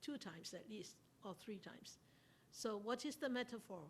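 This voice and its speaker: Slow-paced woman teaching Buddhist scripture. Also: medium pitch, expressive, slight background noise. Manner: unhurried, questions the class, laughs often. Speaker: Buddhist nun teaching a sutta study class. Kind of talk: interactive Dharma talk.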